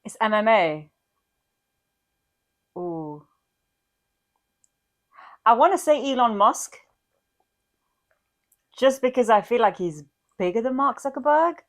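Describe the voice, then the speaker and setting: A woman's voice: a little high, lively intonation, slow pace, long pauses. A woman co-hosting a podcast in casual comedic chat, with a playful, giggly manner. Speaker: podcast co-host.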